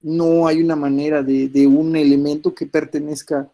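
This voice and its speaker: Math teacher with a cold. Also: male voice, fairly high pitch, level tone, normal speed, dark tone, rough recording. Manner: explains step by step, constantly checking in with students. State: slight cold with coughing. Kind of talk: recorded class lecture.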